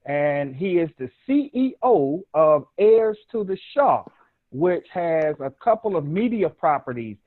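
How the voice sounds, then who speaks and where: A man with a Southern US accent hosts a live online talk show over a video call, rambling chattily and laughing often. His voice is on the high side and very animated, unhurried, with no echo, and the call audio sounds dry and tinny like a phone.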